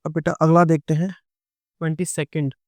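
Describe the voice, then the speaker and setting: A man's voice: fairly high pitch, level tone, normal speed, no echo. A middle-aged man with an Indian English accent gives an exam-prep grammar lecture. He explains patiently, keeps checking in with his students, and asks them questions that he then answers himself.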